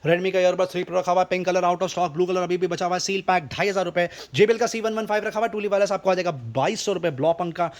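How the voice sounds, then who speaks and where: A man with an Indian accent giving an overeager, rapid-fire teleshopping sales pitch, insistent and full of repeated stock phrases, as a shop presenter. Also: steady tone. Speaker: shop presenter selling discounted goods.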